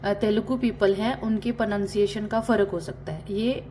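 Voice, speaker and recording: A woman from Punjab teaching a spoken language lesson. She explains patiently with hesitant fillers and slowly repeats each word for learners. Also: medium pitch, steady tone, a little mellow, slight background noise. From Punjab, India. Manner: slow, repeats words for learners.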